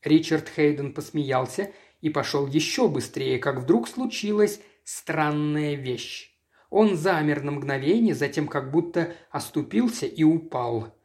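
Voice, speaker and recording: Audiobook reader, steady scripted narration, middle-range voice. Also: medium pitch, a little slow.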